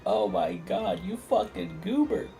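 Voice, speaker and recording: A man streams a game with casual live commentary over game music, exclaiming and musing aloud to himself. His voice sits high with huge pitch swings, vocal fry, and a dark tone, and he speaks a little slowly.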